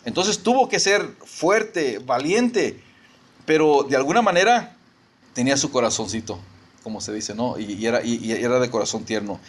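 A man's voice: medium pitch, expressive, moderate pace. A middle-aged man, a pastor preaching a conversational sermon and often restarting his sentences.

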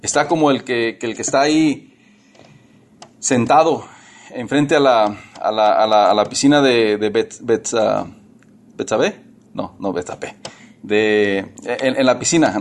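A man preaching a casual, conversational sermon, often repeating and restarting his words. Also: medium pitch.

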